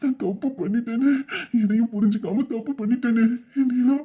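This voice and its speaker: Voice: mid-range voice, moderate pace, breathy edge, dull audio, close to an everyday voice. A performer voicing a young man who is crying, pleading and blaming himself, in an audio drama. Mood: remorseful sobbing. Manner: sobbing, pleading, self-reproaching. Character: young man grieving and begging forgiveness. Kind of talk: Tamil audio drama acting.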